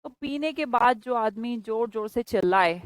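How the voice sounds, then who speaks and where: A woman teaching English vocabulary to a class in Hindi mixed with English words, stretching key words slowly and scolding students by name. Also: on the high side, expressive, clean tone, no echo, low-quality recording. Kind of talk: classroom lesson.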